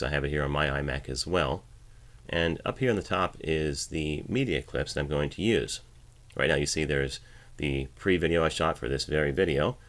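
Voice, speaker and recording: A voiceover artist walks through a tutorial screencast step by step in a relaxed way, speaking from the editing station in his home voiceover studio. His voice is very deep with a fairly bright tone.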